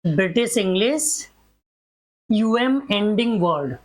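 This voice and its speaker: A woman's voice: mid-range voice, animated, slow. A woman teaching a grammar class, drilling examples one by one and asking rhetorical questions that she answers herself.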